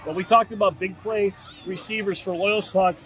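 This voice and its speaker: Brief: male co-host, very high voice, brisk stat rundown. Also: steady tone, fairly bright tone, some chatter behind, a little hiss or hum, rough recording. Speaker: sports show co-host. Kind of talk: football preview with player stats.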